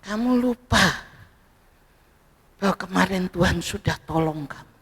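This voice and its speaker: A male pastor preaching a sermon, telling a story and acting out its characters, building to loud shouted climaxes. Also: high-pitched, a little slow, husky. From Indonesia. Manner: animated, acts out characters, rises to shouting climaxes. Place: large church hall. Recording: long church hall reverb.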